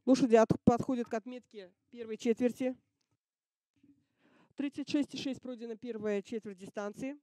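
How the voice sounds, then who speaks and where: A woman's voice: fairly high pitch, steady tone, moderate pace, dark tone, no room sound. A woman giving live harness racing commentary in short, terse announcements. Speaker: race commentator.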